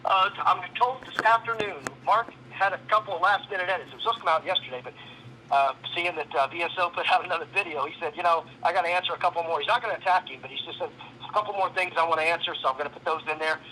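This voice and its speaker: On a phone call with faint background noise, a man representing a legal defense program explains things conversationally. His voice is high, sharp in tone, and rapid-fire.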